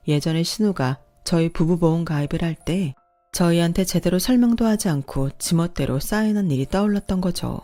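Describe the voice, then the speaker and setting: A woman narrating a scripted first-person story in an even, steady way. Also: low-pitched.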